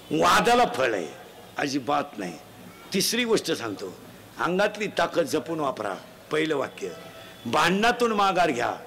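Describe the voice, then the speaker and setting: A man giving a humorous moral sermon to a festival crowd, teasing and quizzing the children loudly. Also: fairly high pitch. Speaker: folk preacher addressing a crowd. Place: outdoor festival gathering. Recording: noisy live crowd recording.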